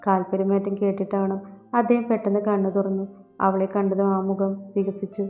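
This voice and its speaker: Woman narrating a romance story. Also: mid-range voice. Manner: steady, unhurried storytelling. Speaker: audiobook narrator. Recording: echoey, dull lo-fi with soft music.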